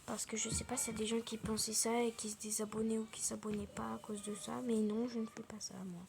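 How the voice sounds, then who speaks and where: Soft-voiced girl chatting over gameplay. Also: a little high, flat delivery, a little fast, vocal fry. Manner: soft, often whispering, many fillers like genre and euh. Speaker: gaming video creator. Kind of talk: casual gameplay chat.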